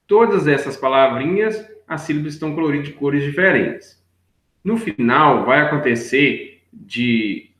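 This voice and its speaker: Male teacher walking little kids through their worksheet, calm and patient, keeps asking "right?", sounds kinda echoey. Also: medium pitch. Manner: patient, step-by-step, checks in with 'right?' and 'look here'. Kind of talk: explaining worksheet answers to young children. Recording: echoey room.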